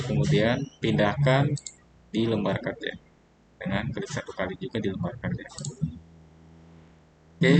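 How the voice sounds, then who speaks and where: A man walking viewers through a networking software tutorial step by step, pausing on fillers as he clicks along. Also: mid-range voice, background noise. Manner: steady step-by-step instruction with frequent fillers. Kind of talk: screen-recorded software tutorial.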